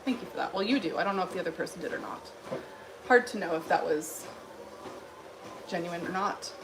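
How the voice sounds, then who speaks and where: A woman's voice: on the low side, a little fast, background noise. A woman from Illinois hosting a casual livestream, reading chat comments in a blunt, dry, dismissive way while walking on a treadmill.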